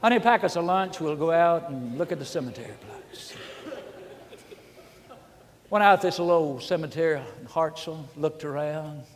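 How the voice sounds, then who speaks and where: A man, preaching a folksy storytelling sermon that swings from hushed asides to loud shouts. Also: a little high, normal speed. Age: 70s. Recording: reverberant hall.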